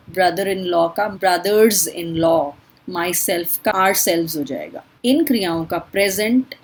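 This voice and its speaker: Slow, husky woman teaching English. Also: fairly low pitch, rough recording. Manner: slow, patient drilling of word lists. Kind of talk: spoken English lesson in Hindi.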